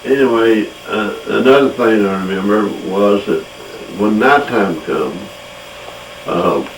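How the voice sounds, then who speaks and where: An older man with a low, gravelly voice rambles through memories, repeating himself as he goes. He sits some distance from the mic in an echoey room, with faint noise behind. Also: slow. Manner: rambling, repetitive recollection. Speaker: storyteller. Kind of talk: casual reminiscing.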